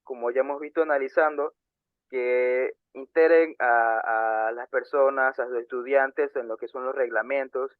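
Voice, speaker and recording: A young man co-hosting a casual podcast, earnest and halting, with many fillers and restarts. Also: mid-range voice, steady tone, clean tone, no room sound. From Panama. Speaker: podcast co-host. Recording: tinny phone-like sound.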